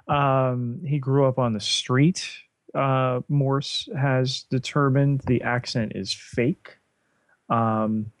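A man co-hosting a podcast, talking in a measured way and putting questions to his co-host. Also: medium pitch, a little mellow, no echo. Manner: measured, asks questions, many fillers. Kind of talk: casual podcast chat.

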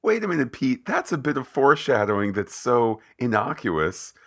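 A man's voice: mid-range voice, very animated, normal speed. A man co-hosting a podcast, discussing a TV episode in casual chat with a wry, playfully mock-formal manner. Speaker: podcast co-host.

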